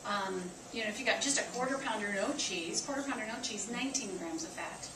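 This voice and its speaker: A woman's voice: mid-range voice, a little fast. Chatty woman dietitian in an echoey room. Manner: chatty, counts aloud and asks the audience questions. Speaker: dietitian giving a talk. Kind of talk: lively nutrition talk to a staff audience. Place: staff meeting room. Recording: echoey room, from far off, noisy.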